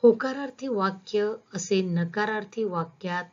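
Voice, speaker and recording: A woman's voice: medium pitch, measured pace, a little mellow, highs cut off. A woman school teacher giving a patient, step-by-step grammar lesson, asking her students questions as she goes.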